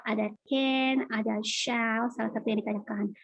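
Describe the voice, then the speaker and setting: A woman's voice: on the high side, fairly even intonation, normal speed, gravelly, dry recording, low-quality recording. A woman English teacher with an Indonesian accent, casually explaining grammar and answering student questions in an online class.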